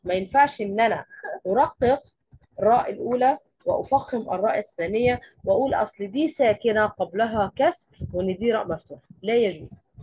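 A woman's voice: medium pitch, slightly rough, no room sound, highs cut off. A woman with an Egyptian accent teaching a tajweed lesson. She explains step by step and often asks questions and then answers them herself. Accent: Egyptian Arabic. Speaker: Quran recitation teacher.

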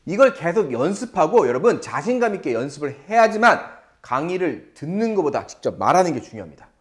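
A man with a Korean accent teaching an English lesson, drilling phrases slowly and explaining with animated delivery. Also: fairly high pitch.

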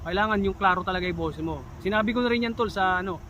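In this casual vlog, a man from the Philippines in his thirties offers advice on job interviews, addressing viewers as "tol" and warning them emphatically. He talks fast in a high, sharp voice; the highs are cut off and there's slight background noise.

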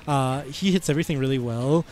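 A man with a medium-pitched, darkish voice talks fairly quickly while casually commentating a fighting game match on a headset. He's an Icelandic esports commentator, rambling, playful, and prone to frequent giggles.

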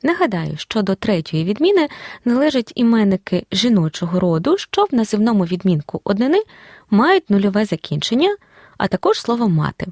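A woman teacher giving a scripted audio grammar lesson, explaining rules clearly and deliberately. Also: medium pitch, big pitch swings, a little mellow, no echo, studio quality. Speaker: Ukrainian language teacher.

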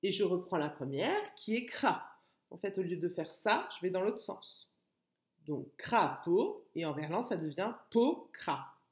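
A woman's voice: fairly low pitch, animated, moderate pace. A woman teaching a phonics lesson to young children, articulating each syllable with sing-song emphasis. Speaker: kindergarten teacher. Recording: echoey room.

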